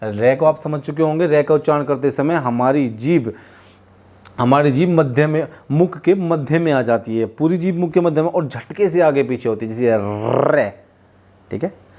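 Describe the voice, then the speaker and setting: In a classroom pronunciation lesson, a man teaches Hindi, repeating sounds and explanations and asking his students to say them along with him. His voice is fairly high and darkish in tone, at a normal speed. He drills the sounds aloud repetitively and calls his viewers children and friends.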